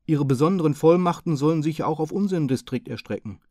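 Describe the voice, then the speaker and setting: A man's voice: on the high side, fast talker, a little mellow, no room sound, clean studio sound, pitched above the performer's own voice, lightly acted. A man voicing a slim, polite and modest middle-aged county councillor who speaks earnestly and precisely.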